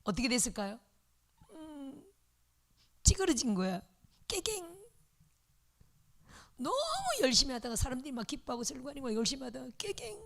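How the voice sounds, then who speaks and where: A middle-aged woman pastor giving a sermon lecture, telling stories in an animated way with playful sound words. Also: high-pitched, a little fast, vocal fry.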